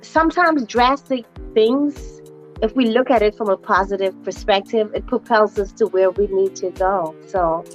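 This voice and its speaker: A woman's voice: mid-range voice, moderate pace, soft background music. Encouraging woman host, slightly muffled. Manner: warm encouraging, lots of "you know". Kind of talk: casual interview chat.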